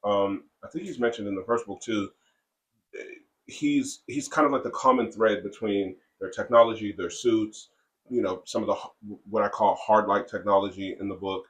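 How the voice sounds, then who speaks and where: A man co-hosting a casual podcast, talking in halting stretches with many fillers and restarts. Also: fairly low pitch. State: has the hiccups. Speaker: comic creator and co-host.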